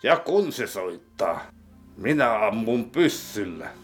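A man voicing a calm, scheming gang boss in a comedy sketch, speaking slowly with flat menace. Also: faint music behind. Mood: deadpan. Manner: low, slow, flatly menacing. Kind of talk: comedy sketch role-play.

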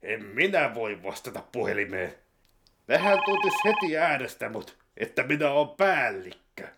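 A man voicing a scheming male boss with a gun, talking low, slow and deadpan. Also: heavy background noise.

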